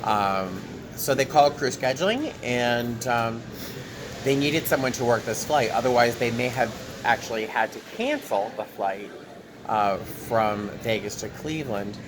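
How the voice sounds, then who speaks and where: This casual vlog chat comes from a tired man, a flight attendant, speaking to his arm's-length handheld camera inside an airport terminal. He talks at a measured pace in a medium pitch with lively intonation, over clear airport background noise.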